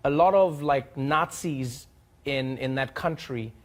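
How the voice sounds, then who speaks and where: A man from Africa, hosting a talk show and delivering a comedic monologue with animated, amused storytelling. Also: medium pitch, takes it slowly. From South Africa.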